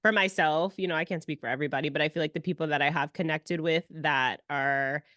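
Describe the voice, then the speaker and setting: A woman with a lowish voice hosts a casual podcast interview. She sounds affirming and reflective. The recording is dry, with no room sound. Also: steady tone, fast talker, fairly bright tone, no echo. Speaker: podcast host.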